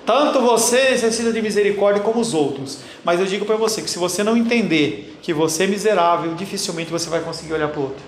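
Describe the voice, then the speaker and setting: Man, pastor, Bible-class teaching, blunt and teasing, high voice, echoey church. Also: fast, hardly any pauses. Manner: blunt, teasing, addresses listeners by name. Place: church hall. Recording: roomy church echo, faint noise.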